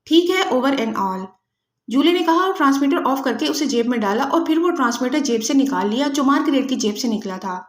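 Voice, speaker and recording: A woman narrating a spy novel in a steady, dramatic reading. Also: sits high, hardly any pauses, echoey room. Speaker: audiobook narrator.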